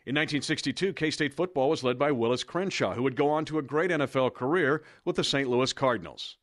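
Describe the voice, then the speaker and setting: A man's voice: mid-range voice, a little fast, a bit bright, no echo, clean studio sound. A man reading an enthusiastic scripted promo voice-over in an announcer's delivery. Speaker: promo narrator.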